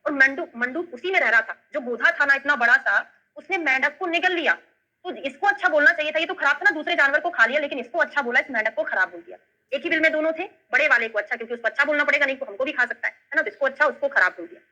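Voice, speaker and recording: A woman's voice: sits high, very fast, sharp tone, lo-fi sound. A woman with a Bundelkhandi accent teaching an online lesson, explaining step by step and checking in with her students. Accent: Bundelkhandi Hindi. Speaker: Ayurveda tutor. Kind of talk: online lesson with memory tricks.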